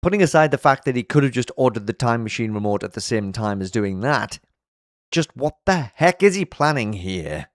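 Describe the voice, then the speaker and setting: A man's voice: medium pitch, animated, normal speed, dry recording, clean studio sound. A man giving casual review commentary as a commentator, wry and wordy.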